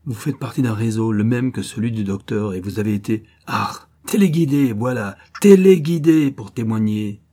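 A man's voice: on the low side, little pitch movement, brisk, few pauses, warm tone, lightly acted. A man voicing a cruel, sneering German SS lieutenant who barks and mocks, dropping German exclamations. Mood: contemptuous. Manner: barking, mocking, with German exclamations.

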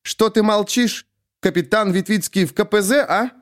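A man's voice: high voice, very animated, brisk, pitched above the performer's own voice. Man voicing an angry woman lieutenant. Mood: scolding. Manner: sharp, scolding, sarcastic. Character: angry young woman police lieutenant, stern. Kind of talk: audiobook character voice.

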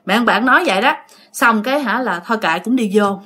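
A woman's voice: on the high side, a little fast, bright, forceful tone, husky. A woman with a Southern Vietnamese accent, telling a ghost story in a chatty way and speaking straight to her listeners. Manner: chatty, addresses listeners directly.

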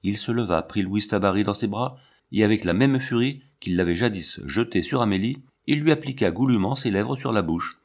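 A man narrates a novel as an audiobook, with a low voice. His reading is measured and even. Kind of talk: scripted narration.

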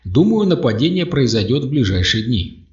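A man's voice: mid-range voice, sing-song, moderate pace, voice pushed up, natural voice. A man reading an audiobook voices a cunning, sardonic male dictator, sly and mocking in tone. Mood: scheming. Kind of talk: audiobook character voice. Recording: dull roomy audio, distant mic.

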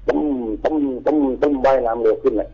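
A man's voice: medium pitch, fast talker, vocal fry, dark tone. A man calling in to a radio show, telling a ghost story in a rambling way and quoting the people in it. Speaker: caller. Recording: dull lo-fi radio sound.

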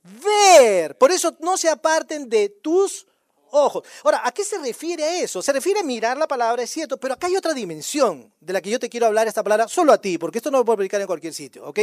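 A man's voice: very high-pitched, expressive, racing, hardly any pauses, no echo, studio quality. A male pastor preaching a sermon in a conversational way, firing rhetorical questions at the congregation.

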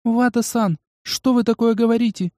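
A man's voice: brisk, dark tone, dry recording, studio quality, lightly acted. Man doing a thin-voiced young waitress. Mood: pleading. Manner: thin, high-pitched.

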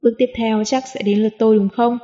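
Teasing young man in a storybook reading, voiced by a woman narrator; dark, muffled sound. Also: on the high side, steady tone, fast, close to an everyday voice. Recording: dull lo-fi audio with long reverb.

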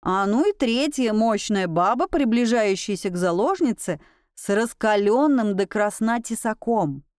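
A woman narrating a first-person audiobook in a lively, expressive way. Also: medium pitch, a little slow, no room sound, studio quality.

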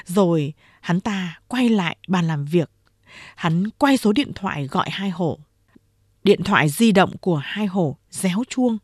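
A woman narrating a story aloud in an expressive reading voice. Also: lowish voice, unhurried, breathy edge, dry recording, clean studio sound.

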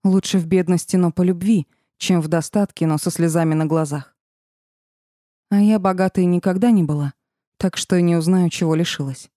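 A woman narrating a first-person fantasy audiobook in a measured, even storytelling manner. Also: on the low side, no echo, studio quality.

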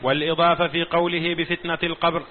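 Monotone man reading a religious text. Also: a little high, fast talker. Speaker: student reading the text aloud. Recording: tinny phone-like recording with faint hiss.

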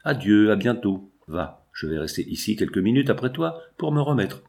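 A man voicing a compassionate fifteen-year-old girl in an audiobook, speaking with pleading emotion and a lowish voice. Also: sing-song, normal speed, vocal fry, a little mellow. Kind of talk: audiobook reading.

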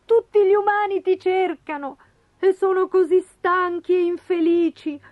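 A woman voicing a kindly little wagtail bird, with a high, gentle chatter. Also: fairly even intonation, a little slow, no room sound, narrow, tinny audio.

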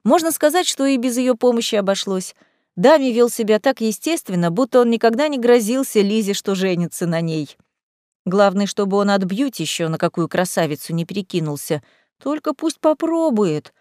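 A woman reading a storybook aloud in a lively, expressive way. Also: mid-range voice, brisk, dry recording, clean studio sound. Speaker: audiobook reader. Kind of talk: storybook narration.

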